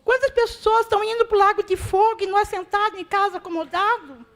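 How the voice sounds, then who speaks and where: A woman's voice: extremely high pitch, steady tone, fairly quick, a bit bright. A Brazilian woman giving an emotional, self-deprecating testimony to a church congregation. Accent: Brazilian Portuguese.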